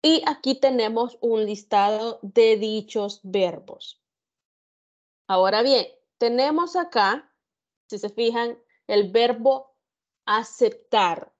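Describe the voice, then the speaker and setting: A woman tutor giving an online grammar lesson, explaining slowly and carefully with examples and questions to her students. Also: a little high, highs cut off. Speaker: English tutor. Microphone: computer mic on an online class.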